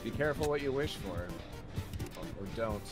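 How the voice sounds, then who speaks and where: A man's voice: medium pitch, animated, normal speed. A man playing a game with friends, teasing in a mock-stern, dry way. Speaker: voice actor and guest player. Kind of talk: casual gaming banter. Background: loud background music.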